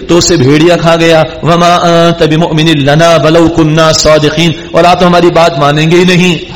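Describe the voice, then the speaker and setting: A male Islamic scholar giving a Ramadan Quran commentary lesson, reciting verses slowly and then explaining them with lively, humorous asides. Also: on the high side. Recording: long reverb of a large hall.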